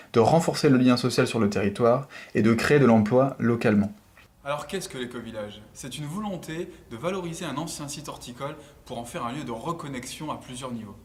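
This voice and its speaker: A man in his twenties from northern France, giving an earnest, measured, scripted narration as an entrepreneur presenting his project. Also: medium pitch, darkish tone, husky. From Lille area, northern France. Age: 20s.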